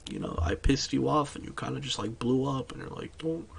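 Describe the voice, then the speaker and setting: A tired young man chatting casually on a late-night stream. He rambles loosely, swears freely and restarts his sentences. His voice sits at an ordinary male pitch. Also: steady tone, brisk, vocal fry, slight background noise.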